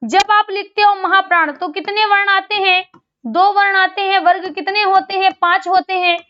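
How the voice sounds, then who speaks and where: A woman's voice: very high-pitched, steady tone, normal speed, lo-fi sound. A woman teaching grammar in an online exam-prep lesson. She asks a question, answers it, then repeats it, and she sounds out syllables aloud for drilling.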